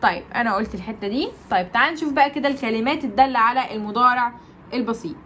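A woman's voice: a little high, rapid-fire, pushed and bright, slight background noise. A woman with an Egyptian Arabic accent teaching English grammar. She asks the class questions, answers them herself and repeats the key points. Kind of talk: explaining grammar lesson.

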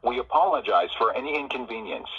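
A man's voice on a recorded phone menu message, reading out options and notices in a measured, formal way. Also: mid-range voice, animated, husky. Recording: dull lo-fi phone playback.

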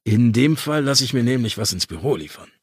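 Man doing a teasing crude buddy, audiobook, husky, dry studio sound. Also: mid-range voice, animated, brisk, a little mellow, dry recording. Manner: mocking, cheeky. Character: teasing crude young man, cocky friend.

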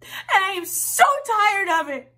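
A young woman performing a dramatic monologue as a hurt, exasperated daughter who cares for her mother, speaking in a halting, pleading, volatile way. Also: medium pitch, expressive, lightly acted. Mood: tearful, angry. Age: young adult. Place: indoors, small room with plain backdrop.

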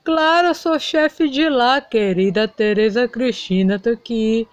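A woman's voice: on the high side, unhurried, clear, resonant tone, lightly acted. Woman doing a curt male chef husband. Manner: curt, dismissive.

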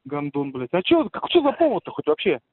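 A man's voice comes through a tinny, intercepted phone line, dry and close. He talks fast, his pitch leaping around, and swears at nearly every turn. His replies to the other caller are short and blunt. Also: wildly swooping pitch, slightly rough. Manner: swears constantly, terse replies. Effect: heard over an intercepted phone line. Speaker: soldier calling home. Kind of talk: casual phone call.

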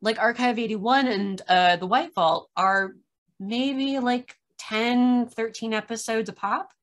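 On a video call from a small room at home, a woman in her thirties who reviews podcasts talks casually, her voice a little high and unhurried. She recounts stories opinionatedly, with wry exasperation and asides she acts out.

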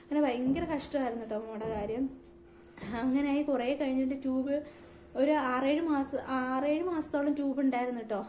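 Middle-aged woman, emotional vlog storyteller; high voice in an echoey room. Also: fairly even intonation, a little fast, a little mellow, a little hiss or hum. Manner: emotional, repeats "you know" often. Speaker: vlogger, mother. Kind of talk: personal storytelling to camera.

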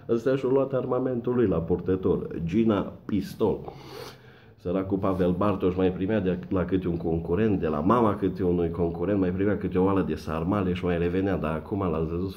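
A man's voice: low voice, darkish tone, a little hiss or hum. A man delivering a satirical comedy monologue, mocking and sarcastic, full of puns. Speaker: satirical commentator.

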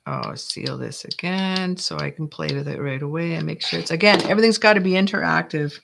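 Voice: mid-range voice, brisk, creaky, noisy background. A crafting channel host from Canada, narrating casually and playfully while working, often talking to themselves. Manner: chatty, talks to self while working; playful, jokey.

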